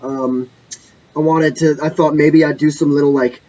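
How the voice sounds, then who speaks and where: A man's voice: on the high side, flat delivery, normal speed, dark tone. A young man co-hosting a casual podcast, rambling through a story and correcting himself as he goes. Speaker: podcast co-host. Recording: muffled lo-fi mic with faint background noise.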